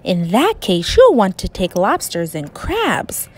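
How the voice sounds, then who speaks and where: A woman voicing a huffy, howling female monster who drops low and slow. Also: wildly swooping pitch, exaggerated voice.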